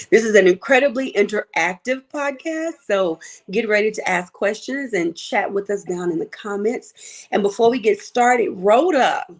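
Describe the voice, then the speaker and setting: A middle-aged woman hosting a live podcast as a life coach, upbeat and playful with slang. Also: mid-range voice.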